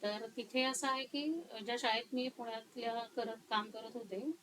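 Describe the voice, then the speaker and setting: A woman counselor talking through her career in an interview, slow and thoughtful with many pauses. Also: a little high, steady tone, fairly bright tone, slight background noise, poor audio.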